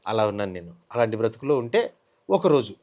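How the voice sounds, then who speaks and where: A man with a Telugu accent giving an emotional testimony in an interview, telling his story in an animated way and acting out what others said. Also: fairly low pitch, a little fast.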